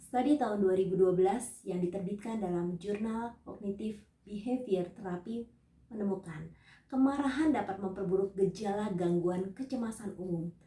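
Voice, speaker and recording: A woman evangelist giving a scripted teaching sermon, reading out numbered points and Bible verses in a measured way. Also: mid-range voice, warm tone, roomy sound, distant mic.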